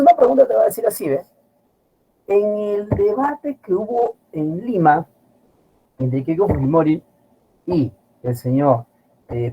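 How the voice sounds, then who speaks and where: A middle-aged man teaching a class, lively and always asking his students questions. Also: high voice, slight background noise, low-quality recording. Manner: animated, asks students constant rhetorical questions. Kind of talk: classroom lecture.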